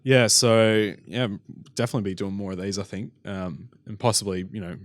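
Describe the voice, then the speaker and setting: A low-pitched man chatting casually as a podcast co-host, recorded dry and close on a studio mic. He talks in a relaxed, rambling way, leaning on fillers like "yeah" and "um". The sound is plain and without any room echo. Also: normal speed. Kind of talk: casual chat.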